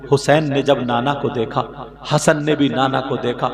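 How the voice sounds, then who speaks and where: A man preaching an emotional sermon, telling a story tearfully with sudden shouted bursts. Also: mid-range voice, steady tone, measured pace, vocal fry, in a large hall. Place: religious gathering. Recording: live crowd audible behind.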